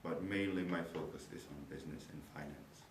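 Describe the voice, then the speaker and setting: A man's voice: low voice, fairly even intonation, brisk. A young man from the Czech Republic, Czech by first language, a university student answering interview questions in thoughtful, searching English. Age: young adult. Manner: thoughtful, searching for words, nonnative phrasing. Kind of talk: interview answers about his studies. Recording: echoey room, noisy background, mic far off.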